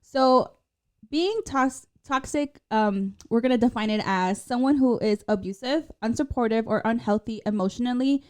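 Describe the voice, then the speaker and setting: A woman's voice: fairly high pitch, normal speed, darkish tone. A woman in her twenties co-hosting a casual podcast, chatting and laughing often and dropping Spanish phrases into her English. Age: 20s. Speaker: podcast co-host. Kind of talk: casual chat.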